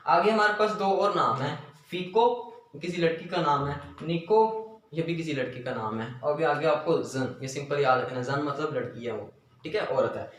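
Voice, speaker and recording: A man teaching a lesson. He repeats memory phrases slowly and drills them. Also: a little high, a bit bright. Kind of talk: classroom lesson with memory tricks. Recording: very echoey room, voice from a distance, faint noise.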